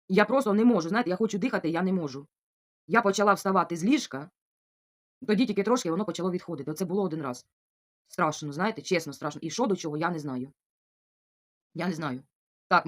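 Fast-talking chatty woman. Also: fairly low pitch. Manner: chatty, confiding, keeps asking the viewer "you know?". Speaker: vlogger answering viewer comments. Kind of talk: casual chat to camera. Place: at home.

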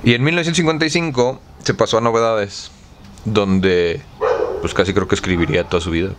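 A Mexican man with a deep, low voice hosts a book club video. He talks in a loose, slangy, irreverent way. There is a faint hum behind him. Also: steady tone, a little fast. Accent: Mexican Spanish. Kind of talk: casual book commentary.

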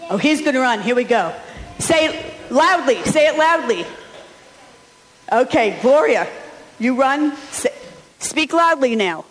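A woman's voice: high voice, lively intonation, a little slow, pauses often. Woman pastor, Easter sermon, encouraging and chatty, long reverb from a large sanctuary. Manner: chatty and encouraging, often chuckling. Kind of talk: Easter sermon and children's message.

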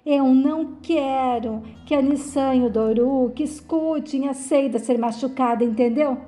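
A woman's voice: sits high, measured pace, warm tone. A woman reading as a defiant sick woman. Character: gravely ill, defiant adult woman.

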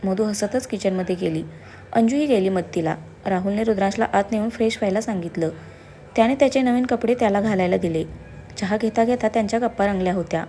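A woman's voice: mid-range voice, dark tone, a little hiss or hum. A woman narrating a scripted story, reading every character's dialogue in her own voice. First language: Marathi. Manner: reads all characters' dialogue in her own voice, switching to Hindi for some.

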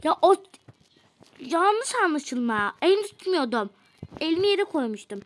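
A woman's voice: extremely high pitch, big pitch swings, normal speed. A woman voicing a pleading teenage boy who keeps apologizing to his girlfriend in a doll role-play story.

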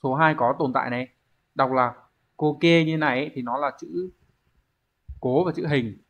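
A man's voice: mid-range voice, normal speed. Guy teacher going over exam answers, walks through it step by step, kinda dull lo-fi sound. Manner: explains step by step, often asks the class to confirm. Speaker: Japanese language teacher. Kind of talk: exam review lesson.

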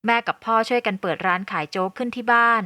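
A woman narrating a first-person audio novel in a calm, even storytelling voice. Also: a little high, quick pace, dry recording.

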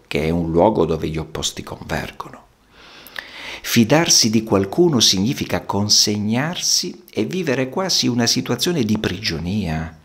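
A man with a very low voice and a gravelly, creaky texture talks about therapy in an unhurried, reflective way. His phrasing is measured and almost poetic, as he lets each thought settle before the next. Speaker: psychotherapist. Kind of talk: slow reflective monologue.

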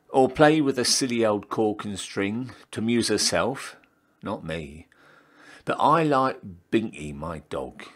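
Slow, swooping male town crier reciting verse. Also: on the low side. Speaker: poem reader, town crier. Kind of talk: expressive poetry recitation.

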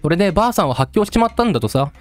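Man reading a gruff, taunting storyteller. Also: high-pitched, sing-song, racing, soft background music. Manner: gruff, coarse street speech, addressing the listener directly. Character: rough-talking male storyteller, menacing and taunting. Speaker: game let's-play narrator.

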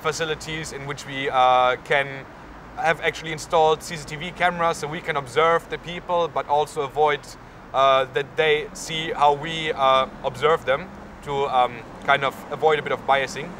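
A young adult man, a student with a German accent, fields interview questions outside in a town square, using lots of fillers and moving his hands as he speaks. He sounds fairly high and bright, steady in tone at a moderate pace, with faint street and traffic noise behind him.

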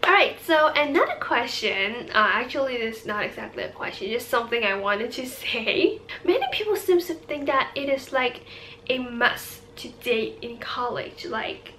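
Here the same kind of casual to-camera vlog chat comes from an eighteen-year-old woman, Cantonese-speaking and Hong Kong accented, who sounds a little hesitant. Her pitch is fairly high, her intonation lively and her tone sharp, at a moderate pace over slight background noise.

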